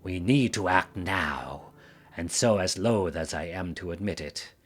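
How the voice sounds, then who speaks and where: A man reading out a grave elder male mentor who gives orders, in a measured, solemn way. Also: sits low, a bit bright.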